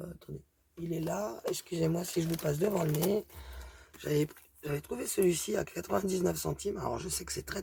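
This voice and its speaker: Deep, creaky, and a little mellow, this woman's voice comes with a bit of hiss or hum in the recording. She's a craft vlogger with a strong regional accent, hesitantly chatting through her haul with many fillers.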